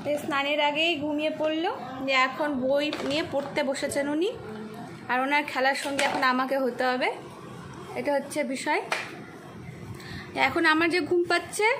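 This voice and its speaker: Soft-spoken high-voiced woman vlogger. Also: fairly even intonation, normal speed, background noise. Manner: soft-spoken, chatty, talks to her child in a sing-song voice. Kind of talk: casual daily-life vlog narration.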